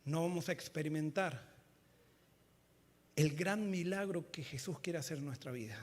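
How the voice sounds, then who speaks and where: Male pastor, high voice, fervent sermon, swings loud to hushed. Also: normal speed. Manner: fervent preaching that swings between loud emphatic lines and low quiet ones.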